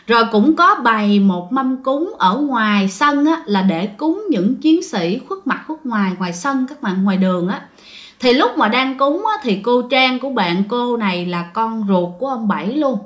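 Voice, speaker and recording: A woman's voice: a little high, a bit bright. A woman telling a ghost story in a chatty way, addressing her listeners directly.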